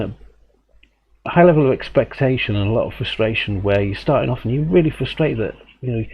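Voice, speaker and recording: A man teaching a live drawing stream, talking thoughtfully and rambling a little, often correcting himself and chuckling. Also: mid-range voice. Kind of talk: live drawing demo and chat. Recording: dull lo-fi stream audio with faint hum.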